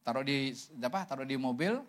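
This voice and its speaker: A male pastor preaching a sermon in a lively, joking way, with casual slang asides to the congregation. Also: mid-range voice, a little fast. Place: church sanctuary.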